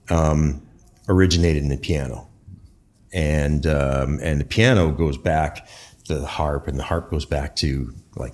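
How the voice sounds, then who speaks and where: A man answering as a guest expert in an interview, explaining conversationally in a thoughtful, halting way with pauses. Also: very deep voice, darkish tone, slight background noise. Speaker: guest expert, bass maker.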